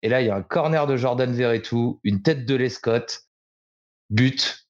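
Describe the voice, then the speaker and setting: A man's voice: mid-range voice, normal speed, muffled recording. A man hosting a casual podcast, telling rambling stories and swearing casually. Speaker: host.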